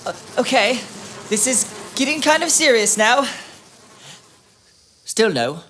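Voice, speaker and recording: A man's voice: very high-pitched, very animated, slow pace, bright, forceful tone, slight background noise, voice pushed up, heavily acted. A man playing a stubborn adult king who dismissively refuses demands.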